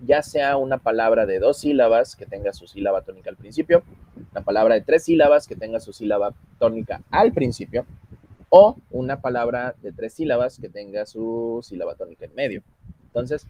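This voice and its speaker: A man's voice: mid-range voice, lively intonation, a little fast, mellow. Patient man teaching English. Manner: explains patiently, switches between Spanish and English. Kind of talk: online class instruction.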